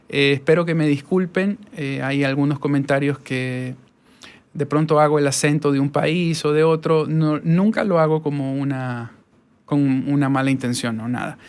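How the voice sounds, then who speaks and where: Relaxed Latin American man introducing his podcast. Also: mid-range voice. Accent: Latin American Spanish. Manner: relaxed, conversational, with fillers and restarts. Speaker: podcast host and voice-over artist. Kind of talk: casual spoken introduction. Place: his recording studio.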